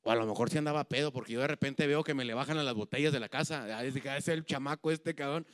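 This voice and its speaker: A man's voice: mid-range voice, fast talker. A man telling bawdy jokes in a bar, rambling and slangy. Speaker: comedian.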